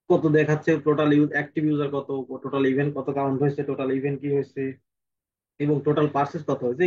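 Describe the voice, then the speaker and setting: Fast-talking man teaching over a call. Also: a little high, a little mellow, lo-fi sound. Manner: fast, rambling, thinking aloud. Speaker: online class instructor. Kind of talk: live screen-share class. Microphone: video call.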